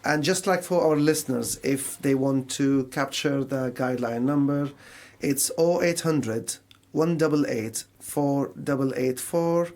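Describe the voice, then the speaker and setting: A mental health charity service manager from Syria talks on a radio show in a relaxed, conversational manner, explaining ideas by voicing imagined quotes. He speaks a little slowly, in a medium-pitched, slightly mellow voice with a Syrian Arabic accent.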